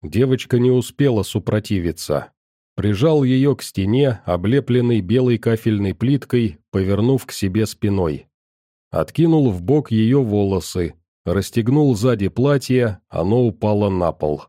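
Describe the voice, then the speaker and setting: Male audiobook narrator, calm first-person storytelling, dark mellow tone, dry close recording. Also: fairly low pitch, a little slow, no echo.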